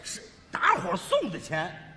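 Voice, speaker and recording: A man's voice: high-pitched, measured pace, long reverb tail. A man performing crosstalk comedy as the lead teller, boasting and spinning a story on stage. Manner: boastful storytelling, animated delivery.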